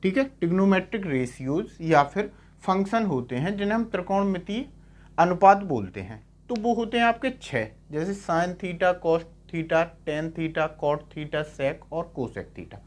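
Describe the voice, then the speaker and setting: A man's voice: high voice, expressive, a little slow. A male math teacher giving a lecture in Hindi mixed with English terms. He keeps asking short checking questions and repeats each key term. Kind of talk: classroom-style lecture.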